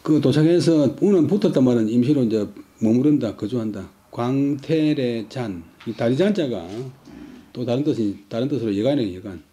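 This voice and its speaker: An older man lecturing on a classical Chinese text, explaining it word by word, repeating terms and reading the original in a slow chant. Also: mid-range voice, lively intonation, warm tone, rough recording.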